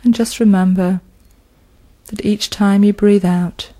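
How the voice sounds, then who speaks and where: A woman leading a guided progressive muscle relaxation, speaking in a slow, soothing manner with long pauses. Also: medium pitch, fairly even intonation, warm tone.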